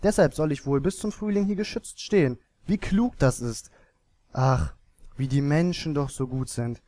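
Storybook fir tree, lonely and hopeful, read by a man; earnest, wondering, a touch high. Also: moderate pace, mellow, no echo, close to an everyday voice. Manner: wondering, earnest inner questions.

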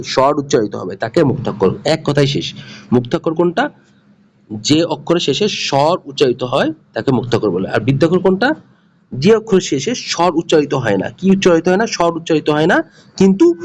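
Bangladeshi male tutor, fairly high, very animated pitch, drills terms by repetition, faint hiss behind. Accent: Bangladeshi Bengali. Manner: repeats key terms, asks and answers own questions. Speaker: exam prep teacher. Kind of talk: lecture.

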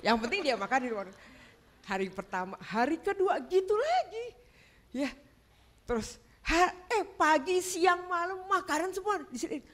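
An older woman giving a church talk, telling a personal story in an animated way and acting out what family members said. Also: very high voice, normal speed. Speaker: guest speaker.

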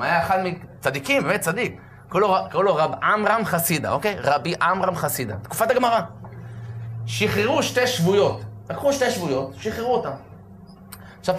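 A man preaching as a rabbi, telling a story with acted-out shouts and sudden loud bursts. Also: on the high side, a little hiss or hum. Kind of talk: animated storytelling sermon.

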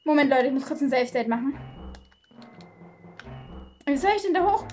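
Excitable high-voiced woman gamer. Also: moderate pace, music in the background. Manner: excitable, swears and shrieks in frustration. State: out of breath. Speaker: let's play gamer. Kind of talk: live game commentary.

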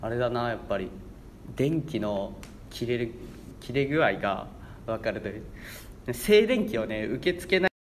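Young guy hosting a casual chat show, lively up and down voice, kinda rambly, bit of background noise. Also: medium pitch, normal speed. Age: young adult, about 18. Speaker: radio show host.

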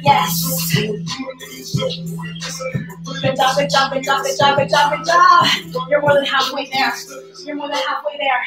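A woman leading a live workout, calling out countdowns with sassy, energetic encouragement. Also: sits high, takes it slowly, pauses often, reverberant, recorded from a distance, low-quality recording. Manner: energetic motivating callouts and countdowns; sassy and playful. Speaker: fitness instructor. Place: home workout space. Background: workout music.

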